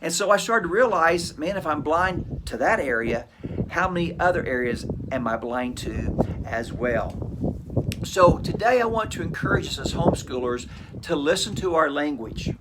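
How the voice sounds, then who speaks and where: A man's voice: fairly high pitch, lively intonation, normal speed, very noisy. Earnest man giving a devotional talk. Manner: earnest, plainspoken, tells personal stories. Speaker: host of a short homeschool devotional segment.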